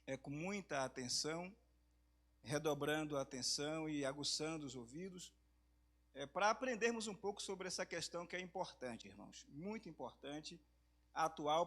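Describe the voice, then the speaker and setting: A hoarse man from Brazil preaching in a church, speaking slowly and softly, with louder passages when reading scripture. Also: on the high side. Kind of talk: sermon.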